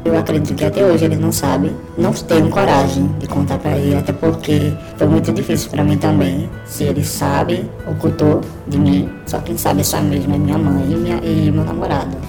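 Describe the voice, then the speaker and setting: A man's voice: on the high side, flat delivery, brisk, few pauses, loud music behind the voice. A young man's voice, electronically distorted. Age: 20s. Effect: electronic voice distortion hiding identity. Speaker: anonymous interviewee. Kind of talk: personal testimony in a news report.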